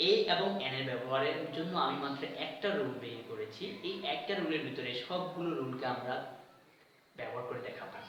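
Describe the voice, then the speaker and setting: A man's voice: on the high side, a bit bright, slight background noise. A man teaching English grammar in a lesson, explaining patiently and repeating each word and sound. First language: Bengali. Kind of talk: explanatory classroom-style lesson. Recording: very echoey room, mic at a distance.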